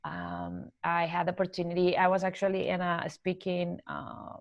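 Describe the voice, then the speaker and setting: This Colombian-accented woman from Colombia is a corporate trainer and coach, earnestly answering a podcast interviewer and building her points in measured steps. Her creaky voice runs on the low side with a steady tone, and the audio is dull with no echo.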